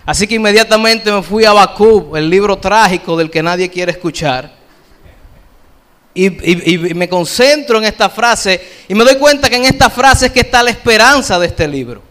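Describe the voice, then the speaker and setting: A middle-aged male pastor preaching a sermon, slowing down to stress key phrases. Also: high-pitched, bright, forceful tone.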